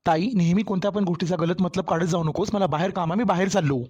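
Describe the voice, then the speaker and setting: A voice actor playing a young married son and brother in a cartoon family story, placating and hurried. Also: mid-range voice, a little mellow, husky, lightly acted.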